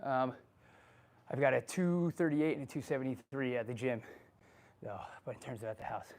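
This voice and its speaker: Here a man's mid-range, darkish voice moves at a moderate pace. Breathless from exercising at home, he answers questions from a live chat in a relaxed, profane way, laughing frequently.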